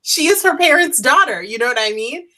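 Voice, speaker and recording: A woman's voice: high voice, expressive, a little fast, pushed and bright. A woman co-hosting a casual review chat, emphatic and effusive, often repeating herself for emphasis. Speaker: co-host reviewing a TV episode.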